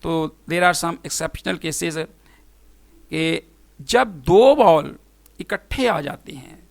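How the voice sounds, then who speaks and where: A man teaching an English phonics lesson to students, spelling words out letter by letter and then pronouncing them slowly and formally. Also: on the high side, lively intonation, gravelly, no room sound. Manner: formal, addresses students directly.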